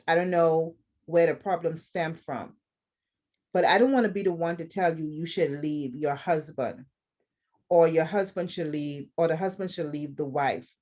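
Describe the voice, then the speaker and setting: A woman's voice: fairly low pitch, darkish tone. A woman with a Bahamian accent, hosting a talk show and giving earnest personal advice on marriage and divorce, repeating phrases for emphasis. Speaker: podcast host.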